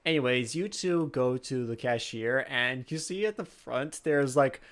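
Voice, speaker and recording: A man's voice: mid-range voice, a little slow, a crowd in the background. A man narrating a tabletop game casually as game master, hesitantly searching for his words.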